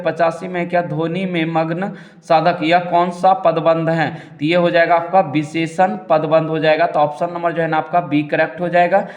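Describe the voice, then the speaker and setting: Young guy teacher running through exam answers, a bit high-pitched, same filler phrases over and over. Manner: repetitive filler phrases, steady explaining.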